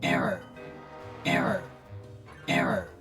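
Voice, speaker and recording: An actor playing a malfunctioning male robot agent in a video game. His voice is run through a robotic filter and he speaks in clipped, flat machine commands that break down into repeated errors. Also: slow pace. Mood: mechanical. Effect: robotic voice filter, glitching into repeated errors. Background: game music.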